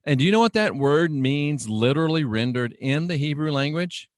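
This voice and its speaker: Here a man hosts a radio monologue in the manner of a dramatic sermon, deliberate and emphatic, with repeated phrases and rhetorical questions aimed at his audience like a showman. His pitch is a little high and expressive, and the dry recording has studio quality.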